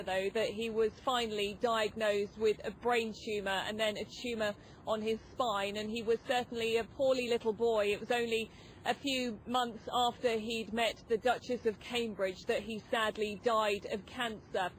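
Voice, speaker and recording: A woman reports live from outdoors for a news broadcast. Her voice sits on the high side, with some ambient noise behind it. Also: poor audio. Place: outside a hospital.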